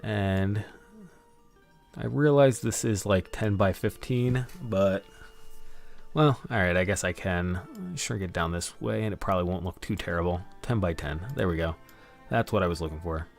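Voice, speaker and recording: Thinking aloud on a casual stream, a man mutters and rambles to himself while preparing his game. His voice sits low and creaky, his pace is normal, and faint music can be heard behind him.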